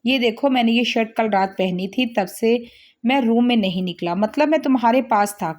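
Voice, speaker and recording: A woman's voice: on the high side, moderate pace, a little mellow, lightly acted. A woman voicing a teasing, self-assured young husband in a romance novel reading.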